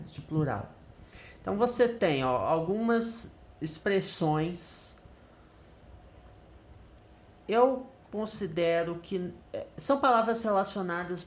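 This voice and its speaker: A woman's voice: on the low side, echoey room. A Brazilian Portuguese-accented woman teaching English in a screen-share lesson, thinking aloud and checking in with the viewer often.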